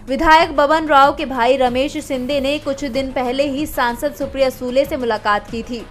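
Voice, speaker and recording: High-pitched woman narrating a breaking news report. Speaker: news reporter doing voice-over.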